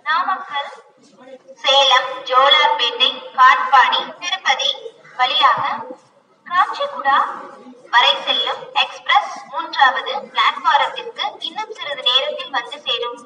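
A woman making a railway station announcement, built from pre-recorded words spliced together, with uneven jumps in pitch and loudness between words. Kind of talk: public address announcement. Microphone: played over a public address loudspeaker. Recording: echoey station loudspeaker from far off.

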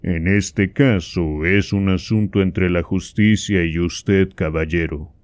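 A man reading aloud, voicing a stern, troubled king with measured, deliberate speech. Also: low-pitched, steady tone, a little mellow, smooth, dry recording.

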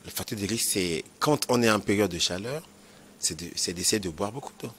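A man's voice: fairly low pitch, fairly quick, fairly bright tone, slightly rough. A man, a nephrologist explaining kidney stone prevention in a health interview, repeating key points and checking that he is understood.

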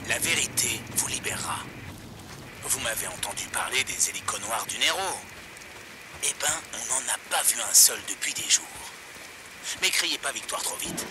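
A man's voice: medium pitch, normal speed. A man voicing a defiant conspiracy-minded pirate radio host, delivering a rousing, conspiratorial broadcast. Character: fiery middle-aged male conspiracy radio preacher. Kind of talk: dubbed video game acting. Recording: noisy distant radio broadcast.

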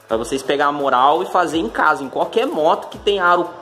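A man with a Brazilian Portuguese accent hosting a casual vlog from a home garage, chatting in a relaxed, slangy way and often turning to his viewers. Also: a little high, fairly quick, faint music behind. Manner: laid-back, slangy, keeps addressing the viewers. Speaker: channel host. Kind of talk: casual chat.

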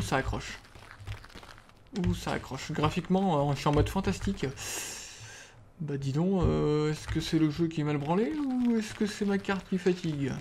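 A man hosting a let's play, chatting casually as he plays and haltingly reading game text aloud with jokes. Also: on the high side, darkish tone, a little hiss or hum. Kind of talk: casual gameplay commentary.

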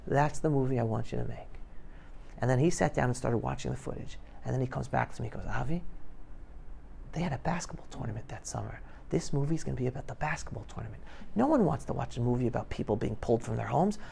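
A middle-aged filmmaker gives students a lively, colloquial account of his story as a guest speaker in an indoor classroom, acting out the conversations and speaking emphatically. His medium-pitched voice is warm, with vocal fry, lively intonation and a fast pace. His clip-on lapel mic picks up a little hiss or hum.

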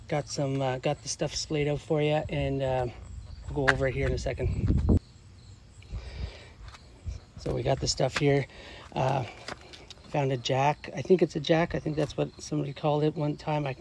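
Speaking plainly and hesitantly into a handheld camera or phone, a magnet-fishing father in his forties hosts a casual outdoor vlog, first on a bridge by a road and later outside at home. His mid-range voice is a little mellow with vocal fry, over noisy traffic ambience.

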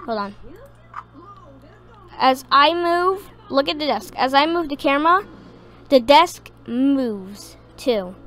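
A woman's voice: sits high, lively intonation, slow, long pauses, fairly bright tone. A woman giving casual, rambling gameplay commentary, hesitating with many ums. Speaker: gaming video creator.

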